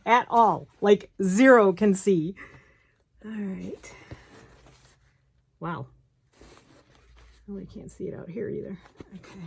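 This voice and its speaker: A woman walks through bookbinding hands-on in a casual way, chatting and thinking aloud as she works, with apologetic asides. Her voice is mid-range, and a little hiss or hum comes through the nearby phone camera's recording.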